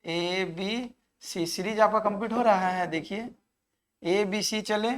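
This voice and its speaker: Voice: mid-range voice, takes it slowly. A reasoning teacher, giving a live classroom lecture, counting aloud and urging students to answer. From Jharkhand.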